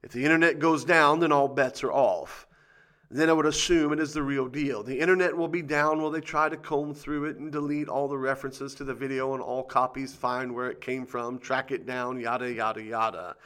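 A man's voice: mid-range voice, steady tone, brisk, a bit bright. A man hosting a conspiracy show, reading scripted commentary with dramatic emphasis and rhetorical questions.

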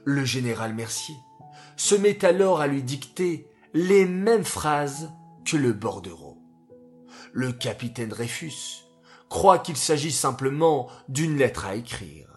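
A man's voice: mid-range voice, very animated, slow pace, a little mellow. A man narrating a history story for children in a dramatic, scripted way, sometimes speaking to them directly. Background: faint music.

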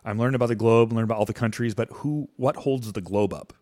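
A man's voice: mid-range voice, quick pace, a little mellow, close to an everyday voice. A man doing an eager, curious little boy. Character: persistent, curious young schoolboy.

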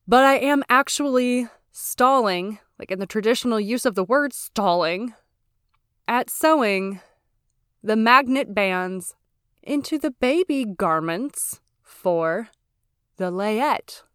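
A woman's voice: fairly high pitch, lively intonation, slow, fairly bright tone, clean tone, no room sound, studio quality. A woman hosting her own casual knitting podcast. She talks chatty and candid, mocks herself, and swears freely. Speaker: podcast host. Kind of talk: casual solo podcast chat.

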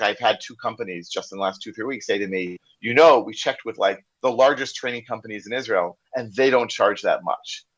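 With a fairly bright, mid-range voice, a male American podcast guest who works as a corporate trainer recounts a candid story during a casual talk. He voices the quoted dialogue himself, and the audio has a slightly dull, lo-fi quality.

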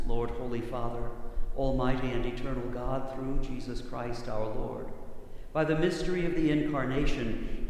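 Male priest at Mass, steady solemn delivery; heavy cathedral echo with a long tail. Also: mid-range voice. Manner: measured, solemn recitation. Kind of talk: liturgical prayer at Mass. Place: large church. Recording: cathedral echo, long reverb, faint hiss.

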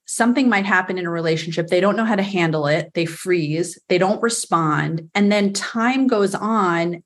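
A woman with a New York accent, a guest on a podcast interview, explaining earnestly with frequent fillers. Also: fairly low pitch. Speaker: attachment specialist guest.

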